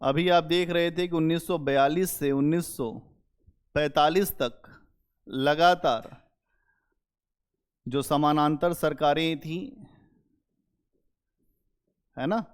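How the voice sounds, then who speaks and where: A male history teacher lectures in a slow, measured classroom delivery, pausing between phrases. His voice sits somewhat high for a man, and he leans on rhetorical questions to drive points home. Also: clear, resonant tone. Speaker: history teacher for civil service exam students.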